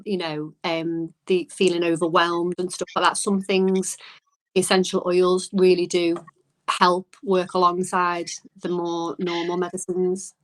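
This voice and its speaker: A woman's voice: on the low side, completely flat delivery, a little slow, poor audio. A woman interview guest explaining her views and experiences in a casual, reflective, conversational way. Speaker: interview guest, small business owner.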